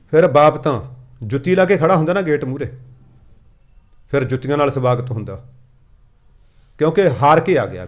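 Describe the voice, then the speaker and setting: A man giving a Sikh katha sermon, chanting scripture lines slowly and then explaining them in a conversational, way. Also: fairly high pitch.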